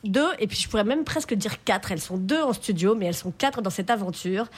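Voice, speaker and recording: A woman's voice: medium pitch, expressive, brisk, breathy edge. A woman co-hosting a radio show as a journalist, friendly, asking questions with some hesitations. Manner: friendly, laughs easily, hesitant fillers. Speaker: co-host, food journalist. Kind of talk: radio interview.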